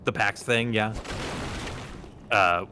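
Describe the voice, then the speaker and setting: Guy joking around on a stream, bright edgy voice, bit of noise behind. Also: on the low side, slow pace. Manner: rambling, jokey. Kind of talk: casual live-stream chat.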